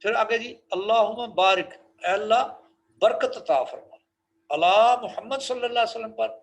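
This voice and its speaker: Guy teaching how to pronounce prayers, kinda high voice, gravelly, stretches the recited bits out slow. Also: rough recording. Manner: slow drawn-out recitation of Arabic phrases between explanations; corrective, instructive tone. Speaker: religious teacher. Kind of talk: religious lecture on prayer pronunciation.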